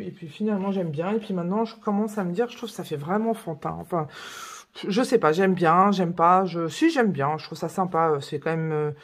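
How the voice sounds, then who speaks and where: A woman talks casually through her coloring books, showing them off one by one. She rambles, restarts her sentences and fills the gaps with little hesitations. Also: medium pitch. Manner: chatty, rambling, full of fillers and self-corrections. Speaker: coloring book vlogger. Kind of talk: casual show-and-tell chat.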